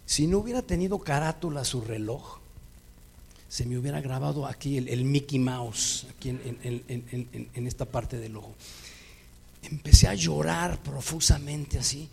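A man with a Mexican accent preaching a sermon, telling a personal story in a lively way and acting out the dialogue. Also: mid-range voice, normal speed, vocal fry, slight background noise. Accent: Mexican Spanish.

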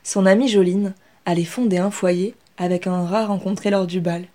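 Woman, storybook reading, warm mellow voice, expressive. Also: medium pitch, normal speed. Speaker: author reading her own book. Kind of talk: storybook read-aloud.

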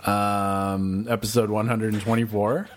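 Low-voiced laid-back podcast guy. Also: flat delivery, unhurried. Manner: laid-back, dry jokey banter. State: sore throat, getting a cold. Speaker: podcast co-host. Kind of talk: casual chat.

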